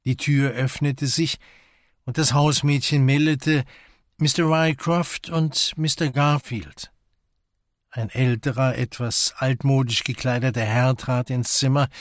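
Slow, measured male narrator. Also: medium pitch, dry recording, studio quality. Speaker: audiobook narrator. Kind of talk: scripted narration.

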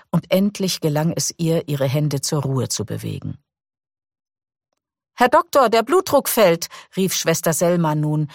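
A man reading a novel aloud in calm, measured audiobook narration. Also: a little high, gravelly, slightly rough, dry recording, clean studio sound.

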